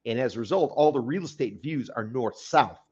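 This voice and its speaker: A man's voice: mid-range voice, expressive, brisk, dark tone, husky. Man, casual talk show, sarcastic explainer, repeats himself, muffled recording. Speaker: real estate consultant, co-host.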